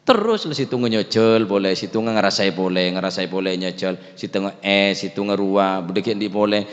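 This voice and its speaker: A man giving a sermon on a religious text, mixing Madurese and Javanese words into Indonesian and reciting Arabic verses, swinging between loud high exclamations and quiet low asides. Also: moderate pace. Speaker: preacher teaching a religious text. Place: prayer room. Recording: dull livestream audio with long reverb.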